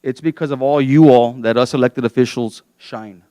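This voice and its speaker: A man's voice: mid-range voice, fairly even intonation, moderate pace, dark tone, smooth, dry recording. A man giving a prepared farewell speech as a city commissioner, formally and with personal asides. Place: city council meeting.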